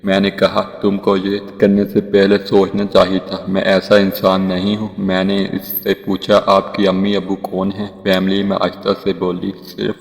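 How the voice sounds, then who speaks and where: A man narrates an emotional moral story in the first person, slow and solemn. His voice sits very low and hardly moves in pitch, even through the quoted dialogue. A long reverb trails after his words. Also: creaky.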